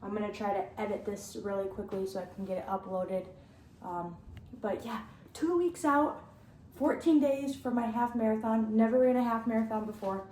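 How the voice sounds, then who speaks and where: A woman's voice: fairly high pitch, moderate pace, a little mellow, echoey room, a little hiss or hum, low-quality recording. A young woman from the Upper Midwest chatting casually in a vlog, rambling and upbeat, chewing gum as she talks. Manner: chewing gum while talking. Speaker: running vlogger.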